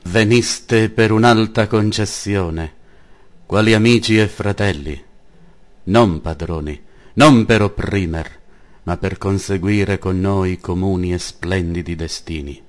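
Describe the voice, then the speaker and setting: A man reading a story aloud and voicing a gentle but stern friar who speaks in solemn, preaching tones. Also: low-pitched, slow. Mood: grave.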